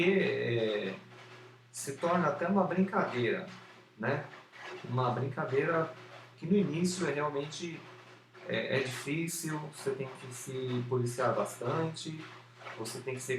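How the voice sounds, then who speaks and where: A man speaks slowly and deliberately to a camera, now and then repeating a syllable and leaning on fillers. His voice sits some way from the mic in a roomy indoor space. A faint hum of outside noise runs underneath. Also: medium pitch, far from the mic. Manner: slow, with occasional repeated syllables and many fillers. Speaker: former stutterer sharing his method. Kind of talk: unscripted talk to camera. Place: indoor room with an open window and street noise.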